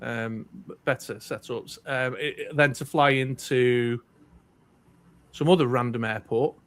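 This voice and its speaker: A man's voice: medium pitch, measured pace, smooth. A middle-aged man from North Wales with a British accent, chatting casually on a podcast, rambling with many ums and restarts. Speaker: podcast co-host. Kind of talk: casual chat.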